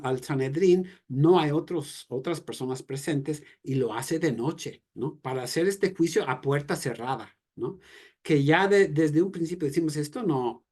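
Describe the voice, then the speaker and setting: A man's voice: fairly high pitch, darkish tone, husky. Chatty Mexican man leading Bible talk. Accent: Mexican Spanish. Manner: conversational, full of "¿no?" tags and rhetorical questions, many restarts. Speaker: Bible study leader. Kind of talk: informal church reflection talk.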